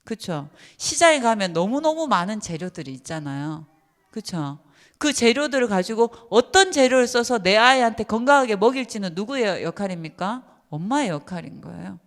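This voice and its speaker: Woman, church seminar lecturer, emphatic, asks the room questions, medium pitch, long hall reverb. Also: moderate pace. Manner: lively and emphatic, asks the audience many questions.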